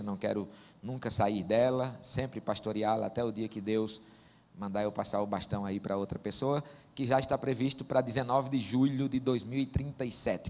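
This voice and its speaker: A man, preaching as a pastor and telling stories in a folksy, joking way. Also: medium pitch. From Northeast Brazil. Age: 40s. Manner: warm joking storyteller, folksy asides. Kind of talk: sermon. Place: church sanctuary. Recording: long church-hall reverb.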